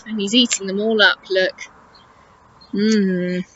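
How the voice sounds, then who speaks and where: Reading a picture book aloud to young kids, this teacher speaks at medium pitch with a steady tone, a slow pace and a slightly bright sound. It's an animated storytime where she stops to explain and pose questions to her listeners. The audio has its highs cut off and slight background noise.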